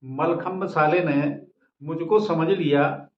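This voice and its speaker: A man recites his own humorous poem at an unhurried pace, going back over each couplet and chuckling at his own lines. His voice sits a little high for a man. The recording is echoey and dull, like a lo-fi room capture. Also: fairly even intonation. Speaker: poet reciting his own comic verse.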